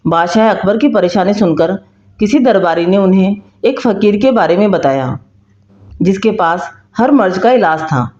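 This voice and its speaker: A woman tells folk tales in steady, measured storybook narration. Her voice sits at a middle pitch. The recording sounds roomy and slightly dull.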